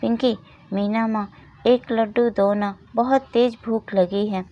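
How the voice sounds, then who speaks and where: A woman's voice: on the high side, steady tone, slow pace. A woman doing a meek pleading little girl. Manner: soft, pleading. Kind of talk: storybook narration with voiced roles.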